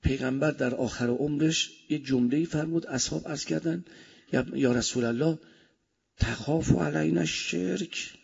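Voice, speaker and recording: A male preacher with speech delivers a sermon with a gravelly, husky voice. He swings between loud emphasis and soft asides. The recording sounds dull and lo-fi. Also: mid-range voice, fairly even intonation.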